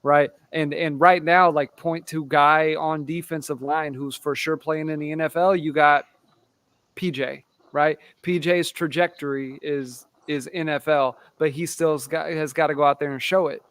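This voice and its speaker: Animated man breaking down a football game. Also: fairly high pitch, moderate pace, no echo. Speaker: podcast panelist. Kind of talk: casual sports chat.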